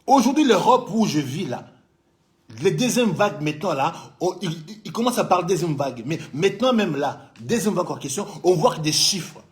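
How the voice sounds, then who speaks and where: High-voiced man from Congo, heated commentator who lectures and scolds. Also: lively intonation, normal speed. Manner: fiery, scolding, repeatedly addressing the president directly. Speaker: business owner living in France.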